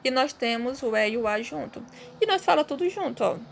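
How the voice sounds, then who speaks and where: A woman's voice: sits high, lively intonation, fairly quick, gravelly, slight background noise. A Brazilian woman teaching a Portuguese lesson, patiently explaining step by step and often checking in with her students. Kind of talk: recorded online class.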